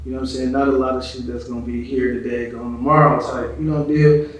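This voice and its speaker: Here a male rapper from Chicago, United States, chats as an interview guest, talking quickly in a mid-range voice with a level tone. He leans on slang, swears freely, and keeps dropping "you know what I'm saying." The mic is distant and the room echoes.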